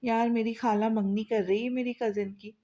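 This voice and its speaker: A woman's voice: on the high side, fairly even intonation, normal speed, warm tone, close to an everyday voice. Woman voicing a whiny lovesick young man. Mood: pleading. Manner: pleading, complaining.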